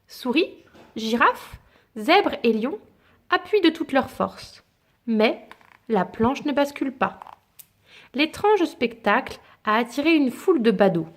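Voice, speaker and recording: A woman reading a children's picture book aloud to her child, with expressive, lilting storytelling and dramatic pauses. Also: high-pitched.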